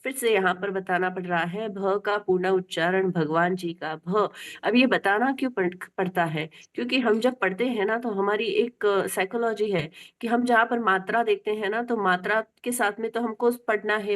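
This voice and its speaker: A woman teaching the chanting of a Sanskrit hymn, singing each line slowly and then explaining pronunciation patiently. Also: medium pitch. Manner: drawn-out, deliberate chanting with repetition. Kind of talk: slow chanting lesson.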